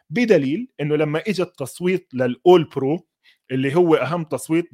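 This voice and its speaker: Fast-talking Levantine Arabic man analysing sports. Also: a little high. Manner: mixes English sports terms into Arabic. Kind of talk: casual unscripted football commentary.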